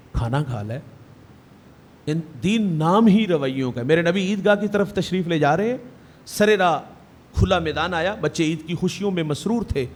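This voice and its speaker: A male preacher with a fairly high voice delivers an emotive sermon. He speaks in rhythmic, swelling phrases and acts out the people in his stories. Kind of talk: Urdu religious sermon with storytelling.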